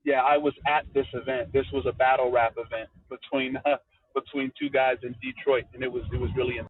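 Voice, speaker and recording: Guy calling in from his car on bluetooth, thin voice no bass, kinda muffled, lots of uhs. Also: little pitch movement, slightly rough, no echo. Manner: halting, many fillers and restarts. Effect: thin speakerphone sound with no bass. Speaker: caller. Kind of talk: casual discussion. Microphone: car Bluetooth speakerphone. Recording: thin, dull car Bluetooth phone line.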